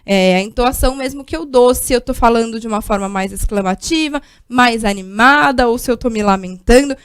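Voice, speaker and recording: Brazilian female teacher, high-pitched, patient and explanatory, close dry voice-over. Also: fairly bright tone, no room sound. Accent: Brazilian Portuguese. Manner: explanatory, checks in with frequent "né?" and "tá?". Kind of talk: recorded online grammar lesson.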